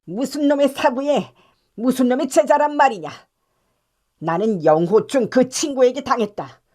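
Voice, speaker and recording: A crude male bandit of ill fame, shouting threats in gruff bluster, as a woman reads him aloud in an audiobook. The voice sits high. Each line comes out blustering and coarse. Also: moderate pace. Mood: scornful. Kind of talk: audiobook character reading.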